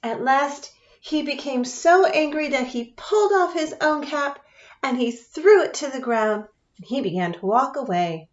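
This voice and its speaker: A woman teacher reads a storybook to children in a high, slow, expressive voice and pauses to ask them questions. The sound is dull and lo-fi. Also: reverberant. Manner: expressive, asks listeners questions. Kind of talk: reading a picture book aloud to children.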